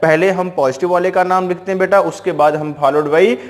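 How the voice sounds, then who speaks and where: A man's voice: sits high, steady tone, normal speed, in a large hall. A man teaching a chemistry lesson step by step, often asking rhetorical questions and calling his students "beta". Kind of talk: classroom lecture.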